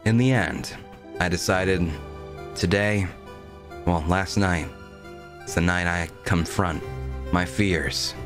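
Young male streamer, lowish voice, casual rambling chat, informal storytelling, game music behind. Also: takes it slowly, long pauses. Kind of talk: casual livestream chat over gameplay.

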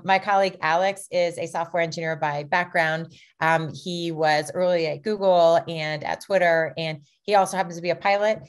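A middle-aged woman presenting her venture fund on a video call, breezy and self-deprecating, with many fillers. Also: low voice. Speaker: venture capitalist, fund founder.

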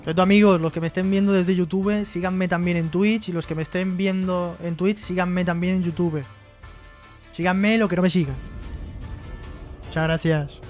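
High-voiced streamer chatting. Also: male voice, fairly even intonation, moderate pace, a little mellow, faint music behind. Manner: joking, reads chat messages aloud and replies. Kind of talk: casual live-stream chat.

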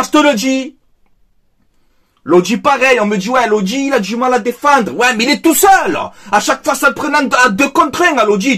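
A man's voice: extremely high pitch, sharp tone. An angry man, giving a heated football debrief as a fan commentator, emphatic and repeating himself. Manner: heated, emphatic, repeats phrases, addresses viewers as "les gars". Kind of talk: angry post-match debrief monologue.

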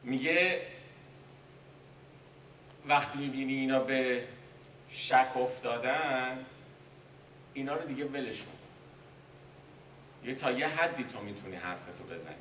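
A man's voice: medium pitch, fairly bright tone, slight background noise. Man teaching poetry in an echoey room. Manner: recites verses, then explains them loosely with pauses and self-corrections. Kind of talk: explaining classical poetry in casual speech. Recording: echoey room, mic at a distance.

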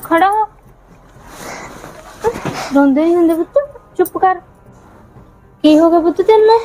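Woman playing a soothing, high-voiced young mother. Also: moderate pace, warm tone. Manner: soothing, coaxing, repeats endearments. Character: caring young mother consoling her daughter. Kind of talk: amateur short-film acting. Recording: dull lo-fi sound, faint music.

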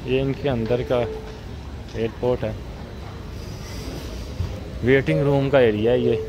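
A man narrates a walking tour of a large airport terminal, speaking casually as he points out the sights. His voice sits in a middle range. Steady ambient noise from the terminal runs underneath the handheld recording. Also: medium pitch, slow pace, dull audio. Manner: casual, conversational, pointing things out. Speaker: travel vlogger. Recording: noisy airport terminal background.

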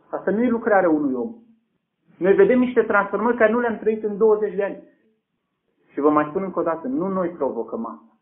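A man's voice: a little high, vocal fry. A man preaching a sermon who keeps asking his listeners questions and answering them himself. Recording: tinny phone-like recording.

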